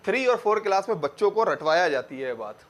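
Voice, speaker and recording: A high-pitched young man teaches grammar in front of a class. He asks a question, answers it himself, and says key words slowly and more than once so students can follow. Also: big pitch swings. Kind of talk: classroom lecture.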